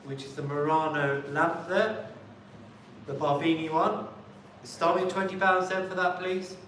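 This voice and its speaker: At a live sale, a male auctioneer politely calls lots and repeats bids in a rhythmic chant. His voice is on the high side and a bit bright, with fairly even intonation and a measured pace. The very echoey room and distant mic leave faint noise in the recording.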